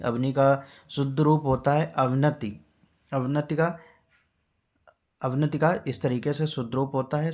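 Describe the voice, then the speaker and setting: A male teacher giving an exam-prep spelling lesson, patiently drilling each word and quizzing his class with rhetorical questions. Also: mid-range voice.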